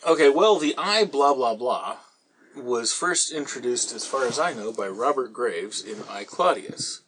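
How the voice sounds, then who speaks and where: A man's voice: medium pitch, expressive, measured pace, fairly bright tone, slight background noise, poor audio. A man hosting a podcast who answers a listener's question in a casual, lecturing way, wandering into asides and stopping often for ums and repeated words. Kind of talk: casual explanatory talk.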